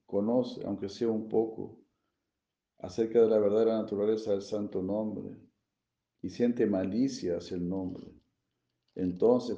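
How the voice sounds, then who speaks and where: Gravelly, dark-voiced swami teaching. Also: male voice, lowish voice. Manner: explains gently with frequent tag questions, chuckles at own jokes. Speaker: swami giving a scripture class. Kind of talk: sermon. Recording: echoey room, dull lo-fi sound.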